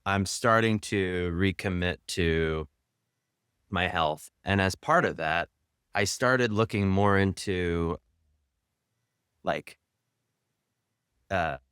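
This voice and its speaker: Male host, thirties, very low pitch, dry close sound, casual and hesitant. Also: slow pace, long pauses, a bit bright, smooth, no room sound. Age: 30s. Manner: rambling, hesitant, many fillers. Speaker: podcast host. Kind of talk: casual interview conversation.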